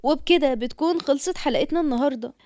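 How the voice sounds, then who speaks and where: A woman with an Egyptian accent narrating a scripted story in a brisk, expressive reading. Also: high-pitched, no echo, clean studio sound. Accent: Egyptian Arabic.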